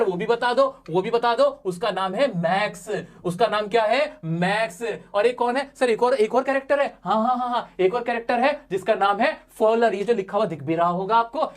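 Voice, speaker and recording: Male teacher, exam-prep lecture, playful self-quizzing delivery. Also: sits high. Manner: quizzes and answers himself, playful and dramatic.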